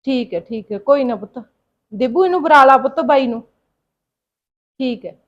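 Woman cast as a worried mother, coaxing and pleading, high voice, dull lo-fi sound. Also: animated, moderate pace. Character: young mother, soothing and worried. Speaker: mother in a family skit. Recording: dull lo-fi recording.

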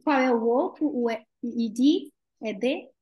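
A woman's voice: a little high, a little slow, lo-fi sound. A woman with a Brazilian Portuguese accent hosting a casual interview, asking questions hesitantly with restarts and short replies. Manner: hesitant, restarts, brief backchannels. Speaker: interviewer and channel host.

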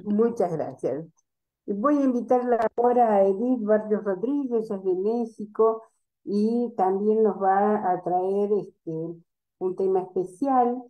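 A woman hosting an online program, thanking guests and introducing the next speaker in a gentle way. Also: mid-range voice, measured pace, dull audio. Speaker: program host.

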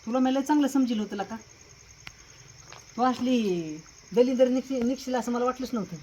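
A man voices a betrayed young husband who lectures and accuses without pause. His voice sits fairly high for a man. Faint outdoor noise and insects hum behind him. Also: warm tone, rough recording. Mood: scolding. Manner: scolding, accusing, keeps prodding with "हं?". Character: suspicious angry young husband. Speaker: husband confronting his wife.

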